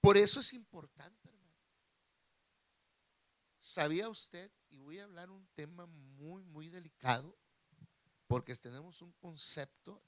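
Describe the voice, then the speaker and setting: A man from Mexico preaching a sermon to his congregation, swinging between loud emphatic bursts and quiet asides. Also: on the high side. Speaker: pastor.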